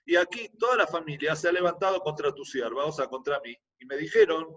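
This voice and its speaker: A man's voice: on the high side, fast, fairly bright tone, recorded from a distance, highs cut off. A man with an Argentine accent who teaches a Bible class. He reads a verse aloud and then explains it in plain everyday words, often repeating words as he searches for the next one. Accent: Argentine Spanish. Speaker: Torah teacher.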